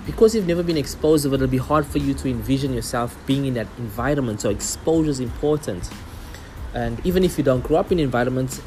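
A young South African man with a South African accent, hosting his own podcast in an earnest, explanatory way with frequent pauses. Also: mid-range voice, darkish tone. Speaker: podcast host. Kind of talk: solo motivational podcast talk.

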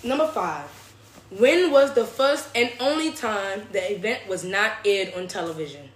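A woman's voice: mid-range voice, a little slow, a little hiss or hum. Woman quizmaster in an echoey room. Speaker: quiz host. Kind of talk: casual trivia hosting, reading questions aloud.

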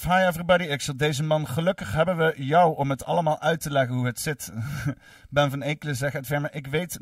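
A man's voice: on the high side, dry recording, clean studio sound, recorded from a distance. A man hosting a livestream, reading and answering chat in a rambling, cursing way full of fillers. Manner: rambling, profane, many fillers.

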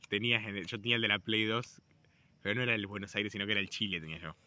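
A man's voice: fairly low pitch, very fast, pushed and bright, no echo. A young Argentine man talking in a casual chat, rambling and slangy, swearing freely and restarting his sentences often. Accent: Argentine Spanish.

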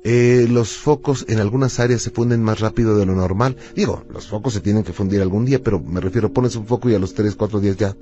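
A man hosting a call-in radio show, explaining things calmly and telling stories in a measured way. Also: fairly low pitch. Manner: calm, explanatory storytelling. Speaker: radio host and spiritual adviser. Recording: muffled lo-fi radio with faint music.

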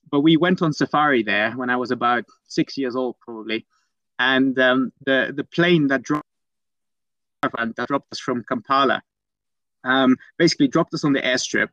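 With a medium-pitched, slightly bright voice captured in dull audio without echo, a young Dutch man tells stories as the guest of a casual interview. He manages a conservation program and speaks hesitantly, often starting over and saying um.

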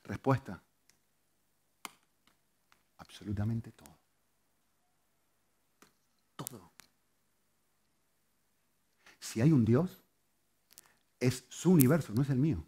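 A man preaching a sermon, moving between loud, emphatic lines and soft, hushed ones. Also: mid-range voice, lively intonation, normal speed, pauses often, breathy edge. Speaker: pastor.

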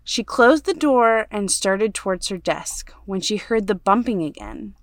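A woman podcast host reading a ghost story aloud in a measured, storytelling way, going hushed on the dark parts. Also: medium pitch, expressive, dry recording, clean studio sound.

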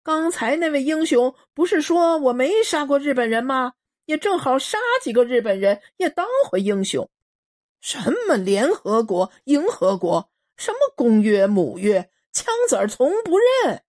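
A woman's voice: mid-range voice, very animated, moderate pace. A woman voicing a ruthless male militia commander who talks with cold, sneering contempt, in a storybook reading.

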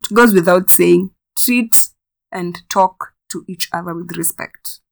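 A woman co-hosting a casual podcast chat, speaking in a measured, agreeable way. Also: on the low side, gravelly. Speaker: podcast co-host.

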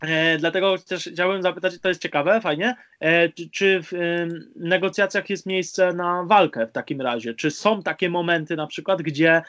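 A high-voiced man asks his questions in a casual, hesitant way and restarts as he goes. The recording sounds dull and slightly lo-fi. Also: steady tone, moderate pace, hardly any pauses, fairly bright tone. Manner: hesitant, restarts while asking. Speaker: interviewer. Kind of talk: casual interview chat.

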